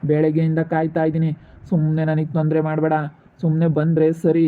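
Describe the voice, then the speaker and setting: A man's voice: on the high side, completely flat delivery, brisk, a little hiss or hum, close to an everyday voice. A man playing a pushy, lecherous brother-in-law who coaxes and threatens in an amateur village drama. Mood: insistent. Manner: pressing, coaxing and threatening. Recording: tinny phone-like audio.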